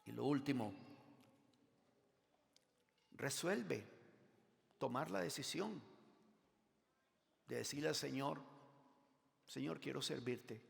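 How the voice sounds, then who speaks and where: A man's voice: medium pitch, takes it slowly, creaky, pauses often. A man preaching a passionate sermon as a pastor, repeating his lines and acting out whiny prayers. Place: church sanctuary. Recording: long church hall reverb.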